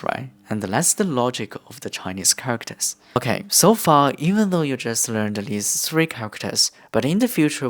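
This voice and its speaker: In this video lesson, a young Korean-speaking language teacher explains things one step at a time. His pitch is medium and his delivery energetic.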